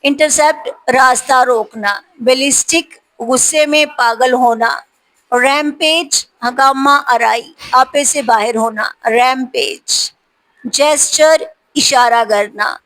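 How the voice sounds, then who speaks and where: A woman with a high voice runs a spelling practice lesson. She says each word slowly and clearly, then gives a short explanation with examples. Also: fairly bright tone, poor audio. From Pakistan. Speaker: teacher.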